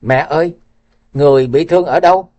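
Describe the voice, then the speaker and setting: A man's voice: on the high side, a little fast, mellow, highs cut off, lightly acted. A man voicing a young woman warrior crying and pleading over her mother. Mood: grieving. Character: young woman fairy warrior, grief-stricken daughter.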